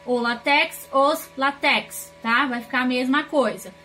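A woman from Brazil, a teacher, giving a recorded grammar lesson and explaining slowly with rhetorical questions. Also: high-pitched, steady tone, bright, forceful tone, a little hiss or hum.

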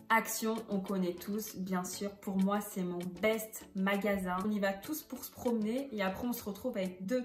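A young woman, chatting bubbly and animated as a beauty vlogger testing makeup. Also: mid-range voice. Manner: bubbly, chatty, exclaims a lot. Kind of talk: casual makeup tutorial vlog. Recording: echoey room with background music.

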